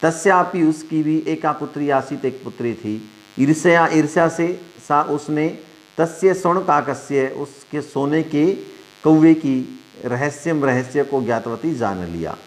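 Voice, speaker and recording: A man's voice: a little high, measured pace. A male Sanskrit teacher, giving an online class, reading a lesson aloud and translating it phrase by phrase for the children. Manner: reads a line then translates it phrase by phrase; addresses students as dear children.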